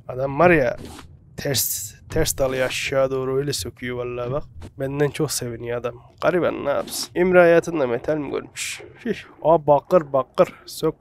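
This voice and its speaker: A man's voice: fairly high pitch, a little hiss or hum. Chatty man voicing a game playthrough. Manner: chatty, talks to game items, sudden excited yelps. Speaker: gaming channel host. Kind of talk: casual let's-play commentary.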